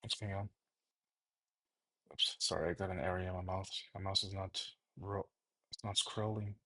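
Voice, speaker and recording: A man leading an unscripted coding tutorial, thinking aloud in a halting way with fillers and self-corrections. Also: low-pitched, flat delivery, bright, forceful tone, no room sound. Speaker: programming tutor.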